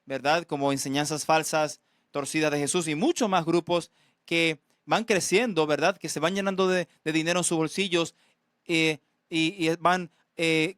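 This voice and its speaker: Man, pastor, sermon, earnest, halting restarts, fairly high pitch. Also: fairly bright tone, no echo, clean studio sound. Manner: earnest, asks "¿verdad?" often, halting restarts.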